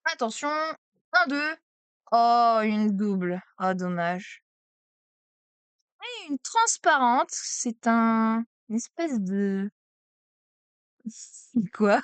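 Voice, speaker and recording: A woman streaming a card opening, chatty and excitable, exclaiming over each card. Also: a little high, drawn-out words, pauses often, clean tone, no echo. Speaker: streamer opening trading cards. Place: at home desk.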